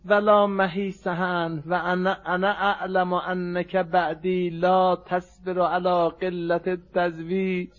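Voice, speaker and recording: A man's voice: sits high, level tone, few pauses, phone-quality sound. A man performing a mournful religious recitation, half spoken and half chanted, his voice turning tearful and plaintive.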